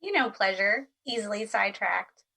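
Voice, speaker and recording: A woman's voice: mid-range voice, normal speed, vocal fry, sharp tone. A woman playing Love as a sweet, doting, slightly affected immortal being in a theatrical audio drama. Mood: gently chiding.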